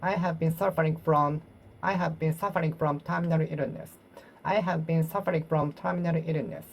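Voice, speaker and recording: A woman whose voice sits low is doing solo English speaking practice, talking to herself with a Japanese accent. She repeats phrases over and over, pausing, reworking, and correcting them along the way. The recording is low quality, with slight background noise.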